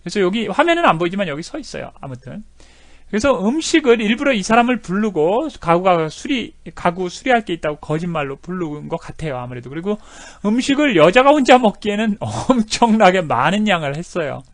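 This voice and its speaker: A man teaching an English video lesson, animated, repeating words over and over to demonstrate how they sound. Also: sits high, fairly quick, dry recording, clean studio sound.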